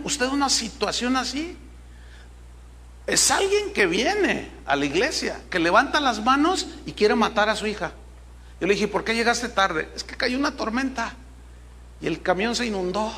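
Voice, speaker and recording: Middle-aged pastor, man, preaching a sermon; high, bright, emphatic delivery with lots of rhetorical questions. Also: slight background noise.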